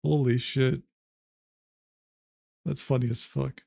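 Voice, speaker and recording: A man's voice: medium pitch, little pitch movement, slow, vocal fry, a little mellow, no room sound, clean studio sound. A man streaming live, talking brashly and profanely while reacting to clips.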